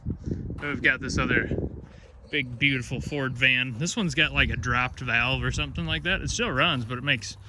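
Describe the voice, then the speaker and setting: A man's voice: mid-range voice, moderate pace. Joking Wisconsin man in a noisy outdoor lot. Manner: joking, laid-back banter. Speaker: auto shop vlogger. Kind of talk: casual walkaround chat. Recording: outdoor recording with clear background noise.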